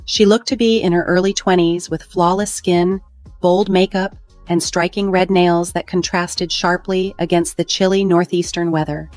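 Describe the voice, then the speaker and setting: A woman narrating a first-person drama story in an even, measured way. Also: on the low side, no room sound. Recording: dry close mic with faint music.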